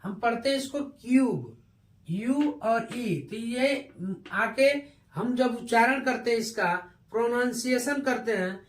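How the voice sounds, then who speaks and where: A man's voice: extremely high pitch, a little slow. A man teaching an English class, spelling out words letter by letter and repeating his own questions. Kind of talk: spoken English lesson. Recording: echoey room.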